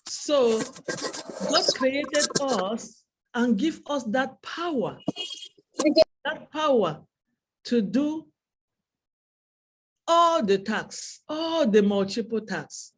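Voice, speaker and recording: On a low-quality recording, a webinar speaker from Cameroon talks extremely slowly and pauses often, her fairly high, husky voice very expressive. A native French speaker with a Cameroonian French accent, she delivers a heartfelt message online, repeating phrases for emphasis.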